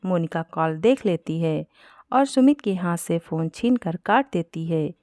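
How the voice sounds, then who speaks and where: A woman narrating a family storybook in a steady, plain reading style. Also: on the low side, measured pace, dry recording, clean studio sound.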